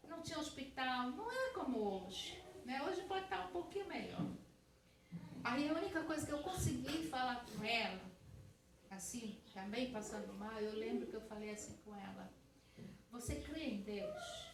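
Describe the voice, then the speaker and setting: A woman's voice: on the high side, animated, normal speed, gravelly, a crowd in the background. A woman missionary with a Brazilian Portuguese accent giving a testimony sermon, talking conversationally and addressing the congregation directly. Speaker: missionary preacher. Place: church hall. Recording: echoey church hall, distant mic.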